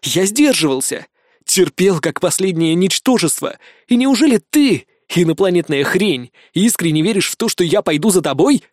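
A man's voice: sits high, lively intonation, normal speed, no echo, voice pushed up. A male reader playing an angry, defiant young man who snarls and swears sarcastically, on a dry close mic.

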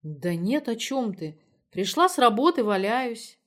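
A woman's voice: a little high, very animated, a little slow, fairly bright tone, voice pushed up. A woman reading the part of an impatient, sardonic young woman in an audiobook. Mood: flustered. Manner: sardonic, irritable.

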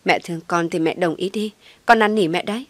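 A woman's voice: on the low side, brisk, no echo, natural voice. A woman voicing a coaxing young lover. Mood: coaxing pleading. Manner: coaxing, pleading. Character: devoted young man, coaxing and pleading. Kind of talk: audio story reading.

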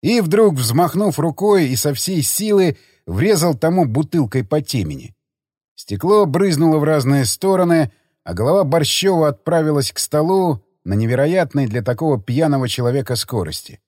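A man reading an audiobook with expressive, dramatic narration. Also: a little high, moderate pace, no room sound, clean studio sound. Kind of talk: scripted narration.

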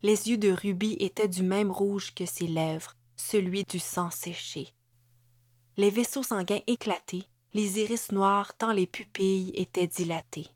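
A woman's voice: medium pitch, steady tone, a little mellow, no room sound, studio quality. Québécois woman narrating a thriller audiobook. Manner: measured, dramatic reading. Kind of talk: scripted narration.

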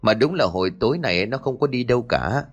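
A man's voice: mid-range voice, animated, quick pace, husky, muffled recording, faint music behind. A man voicing an uneasy young adult son who speaks hesitantly. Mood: pleading. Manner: hesitant, stammering.

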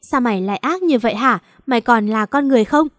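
A woman's voice: fairly high pitch, moderate pace, no room sound, clean studio sound, long reverb tail, lightly acted. A woman voicing an anxious older mother. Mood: scolding. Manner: pleading, scolding. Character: older mother, frightened then scolding.

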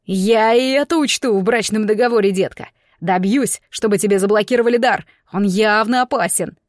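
A woman's voice: mid-range voice, normal speed, dry recording, studio quality, natural voice. A woman voicing an arrogant, smug young man who mocks and bullies his fiancée. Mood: cold. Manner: mocking, condescending. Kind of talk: audiobook character voice.

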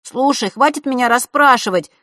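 A woman reading aloud, voicing a frightened teenage boy who swings between hushed pleading and tearful shouting. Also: fairly low pitch, animated, takes it slowly, slightly rough, no room sound, studio quality, heavily acted. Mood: yelling sobbing. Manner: pleading, then shouting and sobbing.

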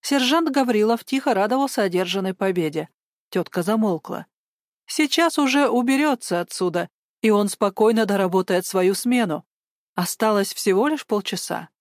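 A woman narrating an audiobook chapter in a measured, even storytelling manner. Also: medium pitch, no echo, studio quality. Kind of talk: scripted narration.

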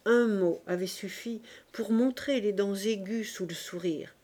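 Woman audiobook reader, classic novel, measured and expressive narration. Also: mid-range voice.

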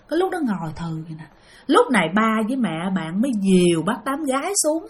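A woman with a Southern Vietnamese accent telling a ghost story in a chatty, animated way, often addressing her listeners. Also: a little high.

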